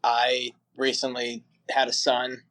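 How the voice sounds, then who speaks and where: A man's voice: medium pitch, monotone, slow pace, a bit bright. A young man from the Philadelphia area, guesting as a musician on a podcast. He talks in a loose, rambling way, with plenty of fillers. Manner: rambling, easygoing, lots of fillers. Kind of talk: casual interview.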